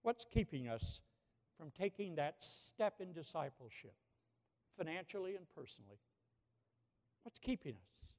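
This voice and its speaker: A man preaching a sermon in a church, telling a story with animated swings from hushed to shouting. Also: a little high, unhurried, long pauses. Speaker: pastor. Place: church sanctuary with a balcony. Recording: long hall reverb from a church.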